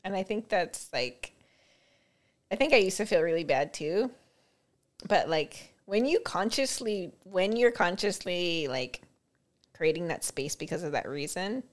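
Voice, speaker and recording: A woman's voice: lowish voice, expressive, measured pace. A woman hosting a podcast, chatting casually and thinking aloud in a reflective way. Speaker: podcast host.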